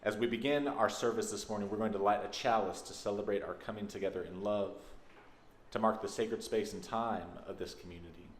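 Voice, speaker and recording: A Texan minister with a lowish, steady voice offers a brisk, folksy, conversational welcome to his congregation. He speaks indoors in a large church sanctuary, and the recording is echoey with background noise.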